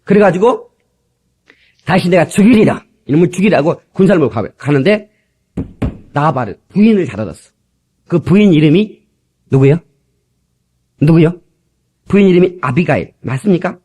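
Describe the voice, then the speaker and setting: Middle-aged male pastor, animated storyteller in the pulpit, slightly high husky voice, old cassette sermon. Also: moderate pace, long pauses. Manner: lively storytelling, acting out quarrels with shouted voices.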